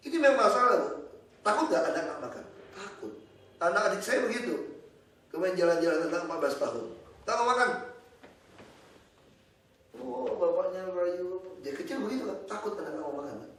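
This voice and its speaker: A man speaks as a government official at an informal indoor meeting. He is blunt and animated, and he often laughs between his points. His voice sits a bit high, and the room is very echoey with the mic placed far away.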